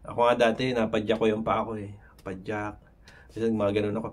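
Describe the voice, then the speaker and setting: A man's voice: fairly low pitch, flat delivery, a little fast. A man vlogging casual advice, rambling, with frequent fillers and tag questions. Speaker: vlogger sharing anxiety tips. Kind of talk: casual talk to camera.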